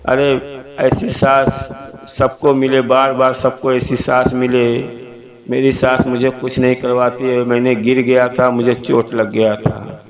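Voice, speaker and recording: A man voicing a patient young daughter-in-law who gently defends her mother-in-law, in his own everyday voice. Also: medium pitch, completely flat delivery, slow, muffled recording.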